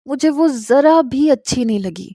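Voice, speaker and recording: A woman's voice: sits high, lively intonation, mellow, dry recording, clean studio sound, pitched above the performer's own voice. Woman playing an indignant young groom. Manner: complaining, indignant. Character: exasperated young man, reluctant groom.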